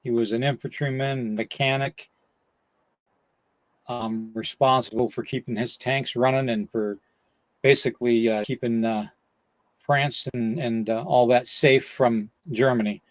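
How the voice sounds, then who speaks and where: A man's voice: medium pitch, steady tone, a little slow, no room sound, rough recording. Older man, rambling and slightly breathless. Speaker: podcast host. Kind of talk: casual chat.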